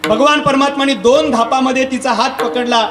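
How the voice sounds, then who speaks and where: A man's voice: very high-pitched, fairly even intonation, a little fast. A man preaching a devotional kirtan sermon at a live gathering, telling a story and quizzing his audience. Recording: echoey hall with music behind.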